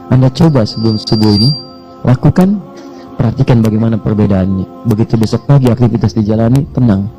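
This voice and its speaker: Gravelly-voiced fervent male preacher. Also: mid-range voice, warm tone. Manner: fervent, with pleading prayers. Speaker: Islamic preacher. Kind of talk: sermon.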